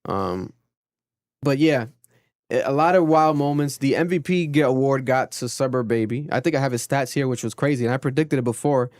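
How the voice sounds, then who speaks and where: A young man hosts a casual podcast in a dry, close-miked sound, telling stories with lots of energy. His voice sits at an everyday pitch, and he jumps into high, excited quotes whenever he acts out someone else's words. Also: a little fast, dry recording. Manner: animated storytelling, acts out quotes. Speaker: podcast host.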